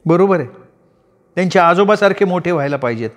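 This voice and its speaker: A man voicing a bold, sharp-tongued village woman in a raised, lively voice. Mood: teasing. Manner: raised, lively pitch, scolding and quick. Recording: long reverb.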